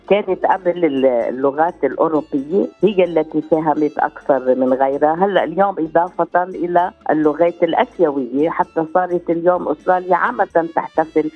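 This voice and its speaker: A woman's voice: low voice, husky. A woman lecturer, telling anecdotes in a chatty, casual way. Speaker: Arabic language lecturer. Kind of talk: casual interview clip. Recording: phone-like narrow band.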